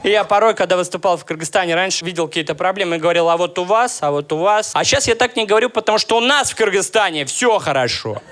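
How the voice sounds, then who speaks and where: High-voiced Russian comedian on stage. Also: male voice, fast, hardly any pauses. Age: 30s. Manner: deadpan, ironic jokes with crowd work. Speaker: stand-up comedian. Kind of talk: stand-up comedy set.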